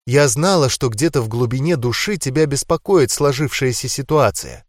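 A man reading an audiobook, voicing a composed, serious young goddess in a calm, measured, softly serious way. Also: medium pitch, dry recording, studio quality, lightly acted. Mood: gentle.

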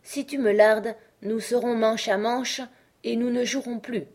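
A woman's voice: fairly high pitch, a little slow, pitched above the performer's own voice. A woman voicing a good-natured, genial middle-aged bailiff in a storybook reading. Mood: calm. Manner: genial, calm.

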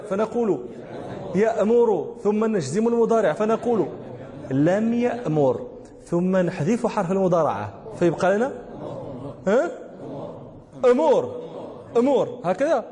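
A man's voice: sits high, a little mellow, in a large hall. A man with a Moroccan accent teaching a grammar lesson, quizzing his class and often chuckling.

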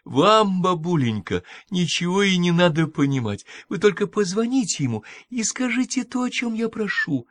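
A man voicing a frightened, insistent young woman in a hospital bed, pleading in a high, agitated voice. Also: sing-song, normal speed, few pauses, fairly bright tone, dry recording, studio quality. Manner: pleading, agitated, rising pitch.

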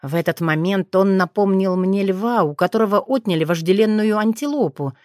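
A woman narrating a first-person fantasy audiobook, expressive and lifting her voice for the heroine's lines. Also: mid-range voice, moderate pace, no room sound, studio quality.

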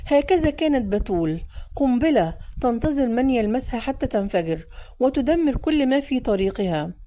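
Female audiobook narrator, higher voice, warm mellow tone, expressive delivery. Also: normal speed. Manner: dramatic, expressive. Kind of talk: first-person audiobook narration.

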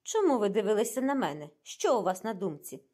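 A woman's voice: mid-range voice, very animated, moderate pace. A woman reading a guarded young woman. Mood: defensive. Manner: sharp, defensive.

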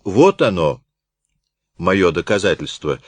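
A man's voice: on the low side, expressive, normal speed, dry recording. A man voicing a bold, cocky young male reporter who draws out his words and then rings out his declarations. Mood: triumphant.

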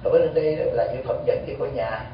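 A Buddhist monk giving an animated storytelling sermon, full of rhetorical questions. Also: male voice, mid-range voice, rapid-fire, slight background noise. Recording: echoey hall, distant dull mic.

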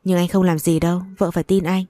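A woman's voice: fairly low pitch, little pitch movement, fast, mellow, no room sound, natural voice. A woman voicing a tipsy, playful young husband who coaxes his wife. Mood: coaxing.

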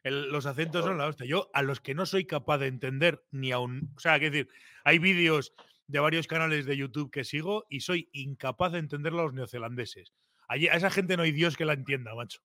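A man's voice: a little high, a little fast, no room sound, clean studio sound. A man hosting a podcast chat, telling stories and swearing freely. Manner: swears freely, animated storytelling. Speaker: podcast host, fishing guide. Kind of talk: casual chat.

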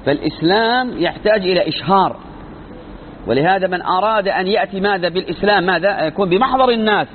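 A man's voice: sits high, animated, fast. A man teaching a religious lesson in an emphatic style, asking rhetorical questions and answering them himself. The recording sounds thin and narrow, with faint noise behind him. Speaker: sheikh teaching creed. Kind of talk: religious lecture.

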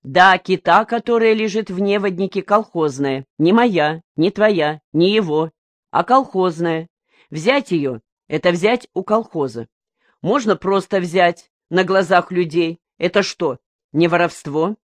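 A woman reading the part of an agitated old male fishing brigade leader in an audiobook, speaking loudly in exclamations. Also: fairly low pitch, a little slow, no echo, natural voice. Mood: heated. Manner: loud, exclaiming.

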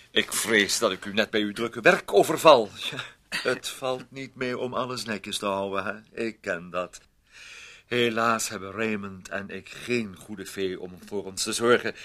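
In a radio play, an actor with a lowish, unhurried voice portrays an ingratiating, meddling gentleman neighbour. The character wheedles and repeats himself with fussy politeness.

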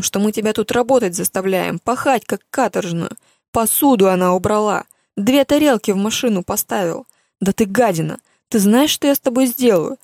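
A shrill, furious middle-aged mother, as a woman reads her in an audiobook, hurling insults and scolding at full volume. The voice sits a touch higher than the reader's own, with a gravelly edge, in a dry, close recording. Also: no room sound. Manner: loud, berating, rapid-fire insults. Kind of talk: audiobook character voice.

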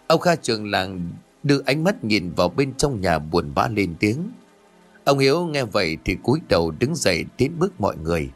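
A man narrating a ghost story in a dramatic, scripted storytelling manner. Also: mid-range voice. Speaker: audiobook narrator. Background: faint music.

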